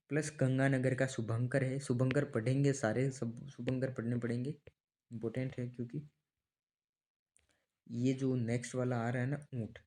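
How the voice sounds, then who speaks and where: A man's voice: medium pitch, a little mellow. A man teaching an online exam-prep lesson in a chatty way, asking his students rhetorical questions and repeating key dates and names so they stick. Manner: chatty, asks students rhetorical questions, calls them brother.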